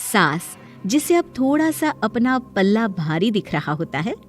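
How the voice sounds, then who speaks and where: Woman narrating a story, lively intonation. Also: medium pitch, unhurried, faint music behind.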